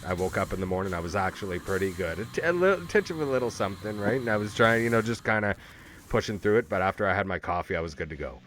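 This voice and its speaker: A man hosts a gaming league recap over a live stream, and his low voice comes through a remote call mic. He talks casually and upbeat, stumbling over restarts and fillers as he goes. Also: lively intonation, quick pace, a bit bright, slight background noise.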